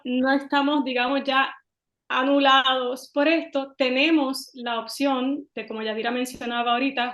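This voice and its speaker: High-voiced woman in an echoey room. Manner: measured, explanatory. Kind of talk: reflective talk on therapy.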